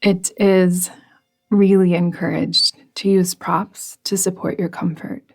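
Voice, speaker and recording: Over background music, a yoga nidra guide leads a meditation at a very slow pace, her tone even and hardly shifting. Her lowish voice is soft and breathy, turning creaky as each phrase settles, and her instructions come gently and soothingly.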